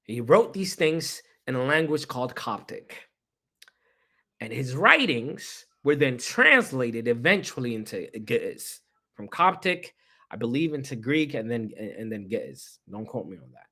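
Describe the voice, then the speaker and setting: A man's voice: medium pitch, sing-song, a little slow, sharp tone. A young man, born in Ethiopia, gives a casual spoken history talk, talking conversationally and asking rhetorical questions. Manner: conversational, repeats himself, asks rhetorical questions. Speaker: history presenter.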